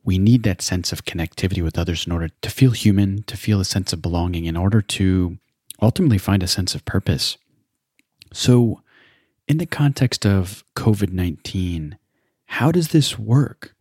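A man hosting a podcast interview, asking measured, reflective questions. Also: low voice, a little mellow, breathy edge, no echo, studio quality. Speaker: podcast host.

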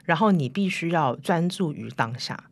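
Low-voiced woman, foreign-tinged Mandarin with English mixed in. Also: animated, moderate pace, dry recording, studio quality. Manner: mixes English words and tags like "right" into Mandarin. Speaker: interview guest, company chief executive. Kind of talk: conversational interview answers. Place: recording studio.

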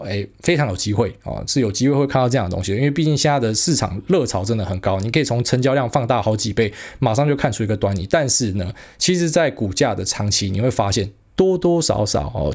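A man with a Taiwanese Mandarin accent hosts a podcast of casual solo commentary, blunt and slangy, packed with fillers and some mild swearing. His voice is mid-range and a little mellow.

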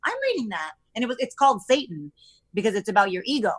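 A woman's voice: mid-range voice, quick pace. A woman from the United States, a guest in a casual chat, telling stories and acting out the quotes. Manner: animated storytelling with acted-out quotes.

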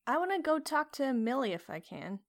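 A woman's voice: high voice, big pitch swings, fairly quick. A woman playing a tabletop game, eager to solve a mystery. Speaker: player. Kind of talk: casual tabletop play.

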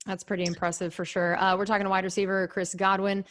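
A woman interviewer asking a football player friendly, measured questions. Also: medium pitch, little pitch movement, no room sound, studio quality.

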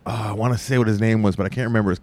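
A man's voice: lowish voice, fairly even intonation, very fast, a little mellow, dry recording. A man telling a rambling story in a casual podcast chat, wry and drawn out. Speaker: podcast host.

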